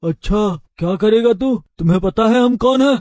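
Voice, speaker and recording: A man voicing a greedy, menacing thief in an animated story, loud and boastful. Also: high voice, normal speed, dry recording. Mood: threatening.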